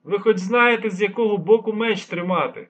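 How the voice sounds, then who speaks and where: A man's voice: high voice, brisk, voice pushed up. Man voicing impatient young palace guards. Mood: dismissive. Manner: dismissive, then angry shouting. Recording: dull lo-fi recording.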